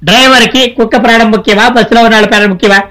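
A man doing a bright, rambling drowsy passenger. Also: extremely high pitch, steady tone, very fast. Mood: grumbling. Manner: rambling storyteller, grumbling. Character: drowsy, boastful male passenger telling his dream.

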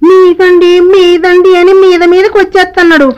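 A woman playing a shy, flustered young village woman on a crowded bus, whiny and coy, with drawn-out pleading. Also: very high-pitched, level tone, dull audio. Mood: coy, fussing.

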